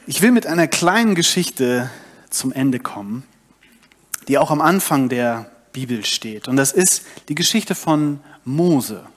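A young adult man giving a sermon, retelling a story and addressing the congregation directly. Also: on the high side. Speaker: preacher.

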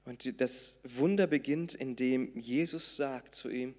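A man from southern Brazil, preaching a sermon, swinging between loud emphatic peaks and soft intimate lines. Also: mid-range voice, a little slow. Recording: long reverb of a large hall.

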